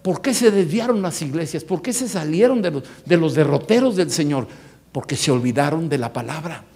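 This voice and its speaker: A man with a Mexican accent preaching a sermon as pastor, emphatic, rising to loud peaks and dropping to low tones. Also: animated, a little fast, breathy edge. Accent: Mexican Spanish.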